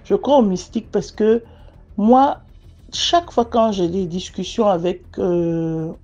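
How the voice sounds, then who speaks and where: A woman recounts her own experience in an unscripted, conversational way at a medium pitch. She is earnest and a little hesitant, often pausing and restarting her sentences as she goes. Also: dark tone, muffled recording. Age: adult mother. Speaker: listener sharing a personal testimony. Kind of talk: casual first-person storytelling.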